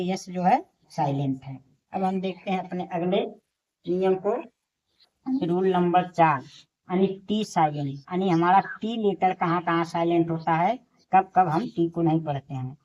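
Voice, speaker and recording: In a classroom lesson, a woman with a lowish, slightly mellow voice spells each word slowly, letter by letter, then says it many times over. The recording is muffled.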